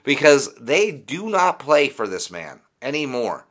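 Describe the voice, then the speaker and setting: A man's voice: mid-range voice, big pitch swings, a little slow, a bit bright. A man hosting a fan podcast, ranting in an exasperated, sarcastic way with plenty of swearing. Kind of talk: sports fan rant.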